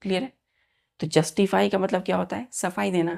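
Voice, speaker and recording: A woman teaching a vocabulary lesson, spelling words out letter by letter and often asking the students if it is clear. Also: medium pitch, fairly even intonation, fairly quick, a little mellow.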